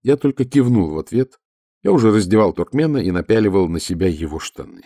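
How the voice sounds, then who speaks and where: A man reading a first-person adventure audiobook in a lively storytelling manner. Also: lowish voice, brisk, no echo, clean studio sound. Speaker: audiobook narrator.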